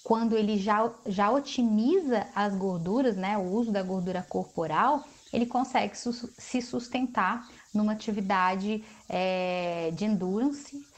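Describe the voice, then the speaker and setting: A woman nutritionist explains things calmly in an interview. She speaks at an ordinary pitch and in an even, informative way. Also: measured pace, hardly any pauses.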